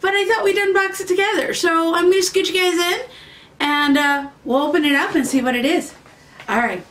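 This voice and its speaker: A woman's voice: very high-pitched, brisk, fairly bright tone. A woman beauty vlogger casually chatting through a makeup unboxing, rambling and easily delighted, sometimes in a sing-song voice.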